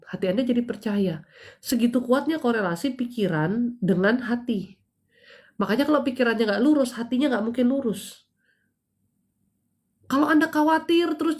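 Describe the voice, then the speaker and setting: A woman's voice: high-pitched, darkish tone. A woman in her thirties hosting a casual live stream, giving chatty spiritual advice with teasing asides and emphatic preachy bursts.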